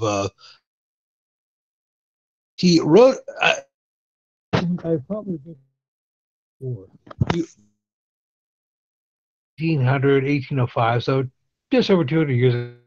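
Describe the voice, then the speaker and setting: A man, a guest on a remote call, explaining things in a measured way with many pauses while his connection breaks up and cuts out. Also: medium pitch, animated, a little mellow. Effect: bad connection, voice breaking up and cutting out. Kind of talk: remote conversation, explaining history at length. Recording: dull lo-fi call line that keeps dropping out.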